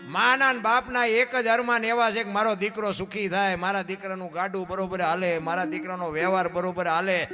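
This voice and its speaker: A man giving a dayro storytelling sermon, moving between soft musing and loud impassioned declaiming, and putting questions to his audience. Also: sits high, flat delivery, a little fast, hardly any pauses. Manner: asks the audience questions directly. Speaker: folk storyteller. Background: guitar music.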